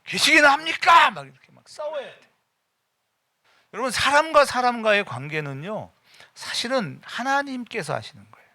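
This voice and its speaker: A middle-aged senior pastor delivers an afternoon sermon in a church sanctuary, his voice bright, forceful and gravelly. At normal speed, his pitch swings widely as he moves from casual, personal talk into sudden loud bursts of prayer. The recording is dry and close, with no room sound.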